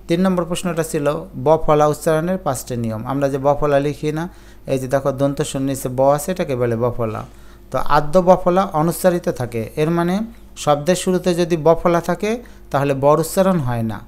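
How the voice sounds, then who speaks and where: Guy teaching exam prep, goes through rules one by one w examples, kinda high clear voice. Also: a little mellow. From Bangladesh. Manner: explains step by step with worked examples.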